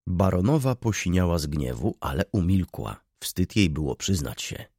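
Male narrator, expressive, low and lively, dry studio read. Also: moderate pace, breathy edge, dry recording. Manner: expressive storytelling. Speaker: audiobook narrator. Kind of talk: scripted narration.

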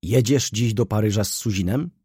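A male reader voicing a fussy old head clerk who speaks in a dry, hesitant way. The voice is low and a little husky, with a lively rise and fall, recorded close and dry. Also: normal speed, no room sound.

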